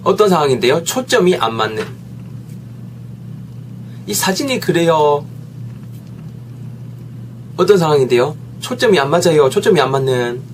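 A man's voice: a little high, a little hiss or hum. Upbeat man teaching English phrases. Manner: lively, repeats phrases slowly for learners. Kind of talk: English lesson.

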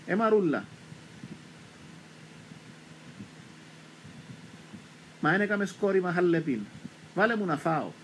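A man's voice: high voice, animated, slight background noise, pitched above the performer's own voice, low-quality recording. A man voicing a confused, stubborn old village grandmother with a Cypriot accent, talking insistently and pleading to go home. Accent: Cypriot Greek.

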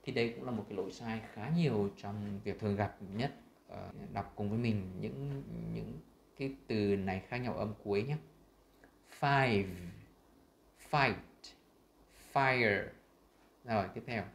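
Vietnamese-accented male tutor, lower voice, demonstrates words slowly in an echoey room. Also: gravelly. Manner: models English words slowly and loudly between explanations. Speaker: English pronunciation teacher. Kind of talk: screen-share lesson.

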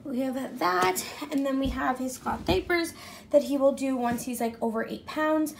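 With a high-pitched voice, vocal fry, and a moderate pace, a woman gives a loose, rambling vlog tour of her home against a noisy background. Pregnant and now and then out of breath, she walks room to room saying um and like a lot.

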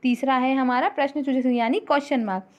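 A woman's voice: sits high, fairly even intonation, fast talker. A woman school teacher giving a grammar lesson, patiently repeating points and quizzing her students as she goes.

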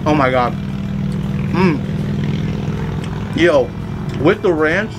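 A young man reviewing pizza in a casual vlog, talking through a mouthful while chewing, quick and slangy. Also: fairly high pitch, expressive. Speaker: food reviewer, channel host. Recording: music playing in background.

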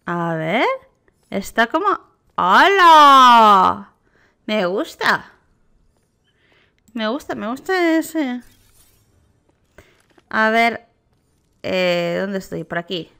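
A woman with a Spain Spanish accent, a gaming youtuber giving casual, excitable reaction commentary. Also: fairly high pitch, takes it slowly, gravelly, long pauses, clear, resonant tone. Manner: excitable, gushing exclamations.

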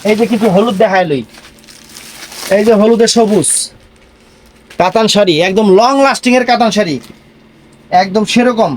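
A man giving a live online sales pitch in an emphatic, repetitive patter. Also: normal speed, pauses often, a little hiss or hum, poor audio. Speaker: online saree seller.

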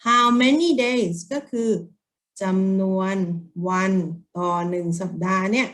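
A woman with a Thai accent teaching children English, speaking gently and encouragingly and drilling words slowly with repeat-after-me. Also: mid-range voice, expressive.

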